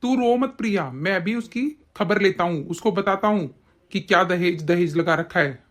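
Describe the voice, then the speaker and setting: A woman voicing an angry young husband and brother in an animated cartoon, shouting and bossy. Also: fairly low pitch, normal speed, natural voice.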